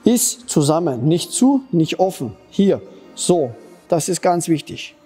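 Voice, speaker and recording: Male self-defense coach for kids, warm and fairly high voice, patient and repetitive, simple broken phrasing, faint music behind. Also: very animated, slow pace, husky. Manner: patient, repetitive, demonstrating as he talks. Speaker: Krav Maga kids' trainer. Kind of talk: instructional talk to children.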